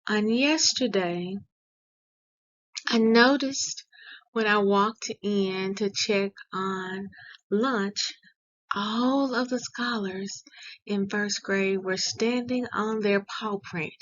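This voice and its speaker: A woman, a school administrator, giving the morning school announcements in a deliberate, instructive way, heard as school announcement audio. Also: mid-range voice, fairly bright tone, muffled recording.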